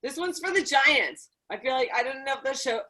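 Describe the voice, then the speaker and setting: A woman's voice: sits high, lively intonation, brisk, sharp tone. A chatty woman competing in a contest, joking casually and a little dramatically.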